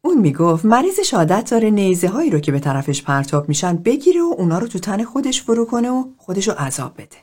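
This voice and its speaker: A woman voicing an older male group therapist who questions steadily and presses gently. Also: medium pitch, sing-song, few pauses, slightly rough. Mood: probing.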